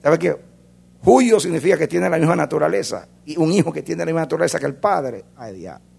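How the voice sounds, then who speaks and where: Male pastor, sermon delivery, gravelly and husky, voice sits a bit high, big dynamic swings from fervent to hushed. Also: expressive, brisk. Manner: preaching with wide swings from loud fervor to hushed intensity.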